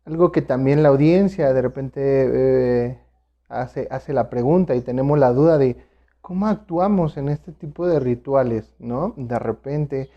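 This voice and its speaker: A man's voice: medium pitch, measured pace, muffled recording. A man hosting an interview, framing his questions hesitantly, with restarts and fillers. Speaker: interviewer host.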